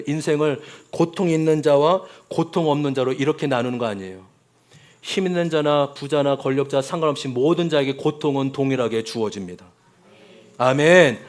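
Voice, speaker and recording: A man preaching a Sunday sermon as pastor, often calling out to the congregation and acting out quoted voices. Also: on the high side.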